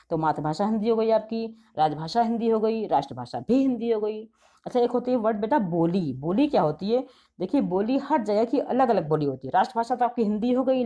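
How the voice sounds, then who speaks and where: A woman's voice: medium pitch, darkish tone. A middle-aged woman teacher explaining grammar to schoolchildren, patient and affectionate. She repeats the key points and often calls her pupils "beta".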